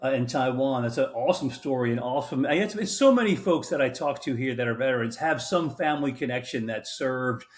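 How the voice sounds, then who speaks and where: A man's voice: medium pitch, a little fast, hardly any pauses. A man hosting a veterans' podcast in a casual interview, talking enthusiastically with frequent fillers and restarts. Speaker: podcast host.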